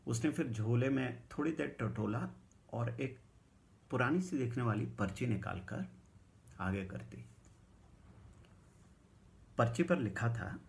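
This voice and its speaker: A man telling a folk tale, narrating quietly and getting loud when he voices the characters. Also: mid-range voice, lively intonation, slow, gravelly, long pauses. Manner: hushed narration rising to loud quoted dialogue. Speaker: storyteller. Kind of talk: dramatic storytelling.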